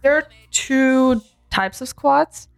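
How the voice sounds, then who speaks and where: A woman's voice: sits high, slow pace, creaky, faint music behind. A woman from Serbia co-hosting a podcast, explaining things in a casual way and laughing easily. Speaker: podcast co-host.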